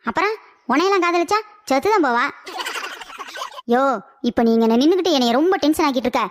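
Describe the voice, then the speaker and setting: A woman voicing a shrill nagging wife who scolds her husband nonstop, in a cartoon comedy. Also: lively intonation, fast, a little hiss or hum. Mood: scolding. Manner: sharp, scolding, bossy.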